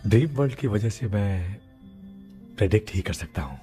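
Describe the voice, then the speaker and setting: A serious investigator, played by a man in a Hindi dub, measured and thoughtful. His voice is very low and mellow, with soft music behind it. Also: animated, natural voice. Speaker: ghost investigator.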